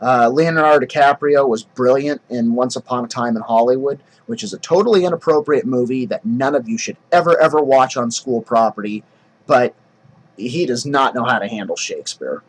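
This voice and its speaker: A man's voice: medium pitch, normal speed, rough recording. A drama teacher explaining how to speak verse, casual and explanatory, often restarting his sentences. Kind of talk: acting lesson.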